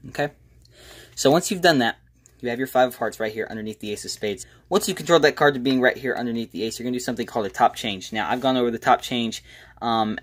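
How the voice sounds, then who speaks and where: A man with a lowish voice walks through a tutorial step by step at a quick clip. His delivery is informal and modest, like someone casually showing viewers how a trick works. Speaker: magic tutorial presenter.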